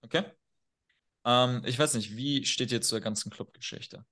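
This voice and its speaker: A man's voice: medium pitch, a little slow, sharp tone. A man chatting on a podcast as a guest coach, telling stories in a blunt, self-assured way. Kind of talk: casual podcast chat.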